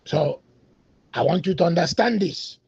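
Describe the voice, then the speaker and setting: Expressive and on the high side, his voice is gravelly, husky and a little mellow, moving at a normal speed. He's a Nigerian man with an Igbo accent, a native speaker, drifting casually between English and Igbo with many hesitant fillers. The lo-fi recording sounds dull and has no echo.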